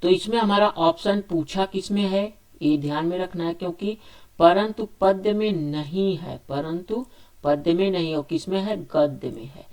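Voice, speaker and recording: A man's voice: sits high, normal speed, a little mellow. A male teacher running a spoken exam quiz lesson. He reads each question, asks it aloud and answers it himself, restating the options again and again. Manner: repetitive, restates options several times.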